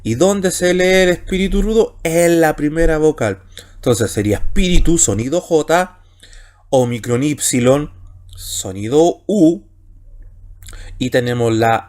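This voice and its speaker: Male teacher, slightly high voice with lively pitch, patient explainer who slows down on key terms. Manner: explains slowly, stretching key words, with frequent checking tags. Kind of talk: recorded online class lecture.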